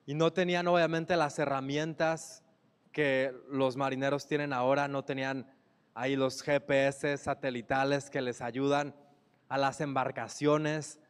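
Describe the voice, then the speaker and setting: A man preaching a sermon as pastor, slow and emphatic, repeating phrases for weight. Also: mid-range voice, flat delivery, smooth, long reverb tail.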